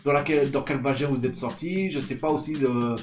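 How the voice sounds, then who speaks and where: A man's voice: mid-range voice, fairly quick, echoey room, faint music behind, natural voice. A man doing a crude blustering doctor. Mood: scornful. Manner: mock-formal, crude. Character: blustering male surgeon, brusque and crude.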